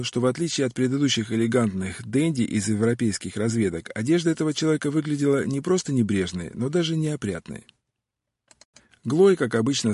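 Husky-voiced male audiobook narrator. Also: mid-range voice, darkish tone, dry recording, clean studio sound. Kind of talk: scripted narration.

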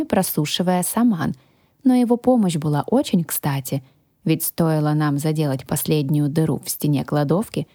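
A woman narrating a first-person fantasy audiobook in a lively, expressive way. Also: low voice, no echo, studio quality. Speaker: audiobook reader.

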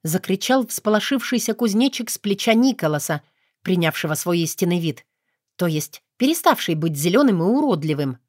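Expressive woman narrating an audiobook. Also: lowish voice, normal speed, dry recording, studio quality. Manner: expressive storytelling.

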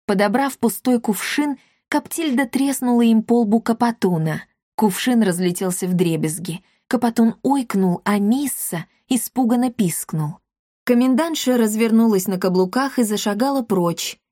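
A woman reading a children's story aloud as the narrator, with expressive storytelling. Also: medium pitch, dry recording, studio quality. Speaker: audiobook narrator. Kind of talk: scripted narration.

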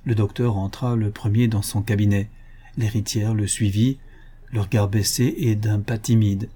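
A man reading a classic novel aloud as an audiobook narrator, in a steady, measured way. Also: lowish voice, breathy edge.

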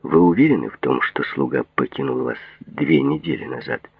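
A man playing a calm, cautious psychoanalyst. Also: a bass voice, normal speed, vocal fry, breathy edge, no echo, full character voice. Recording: thin phone-like audio.

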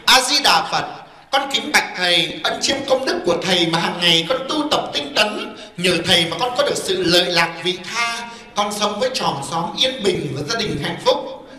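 A man mimicking a pious village laywoman who fawns over her teacher in a soft, sweetly devout way. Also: high-pitched, lively intonation, normal speed, echoey room, voice pushed down, heavily acted. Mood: reverent.

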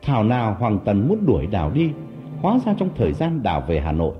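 A man narrating a story in an expressive, dramatic storytelling manner. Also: on the low side, fast talker. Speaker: audiobook narrator. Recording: dull lo-fi audio with background music.

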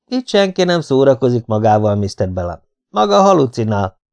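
A man's voice: medium pitch, big pitch swings, a little mellow. A man voicing a nervous, fussy male funeral parlor manager in an audiobook reading. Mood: protesting.

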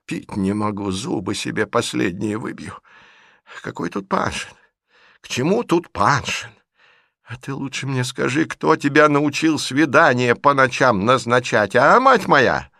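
A man voicing a sharp-tongued, blunt elderly aunt who scolds her niece in an audiobook reading. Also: medium pitch, animated, a little slow, vocal fry, no echo, clean studio sound, voice pushed up, full character voice. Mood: scolding.

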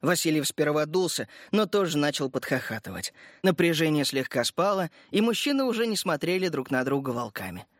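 A man narrating an audiobook in an even, steady storytelling manner. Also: fairly high pitch, fairly quick, few pauses, no echo, clean studio sound. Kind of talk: scripted narration.

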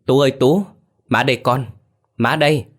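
A man's voice: a little fast, natural voice. A man voicing an older village mother in a ghost story, anxious and doting on her son, calling out in a raised, tearful voice. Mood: tearful joy. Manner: tearful crying out, raised pitch.

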